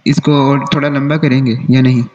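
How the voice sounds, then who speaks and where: A man's voice: mid-range voice, flat delivery, a little mellow, highs cut off. A man in an online class politely asking his teacher questions. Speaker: student.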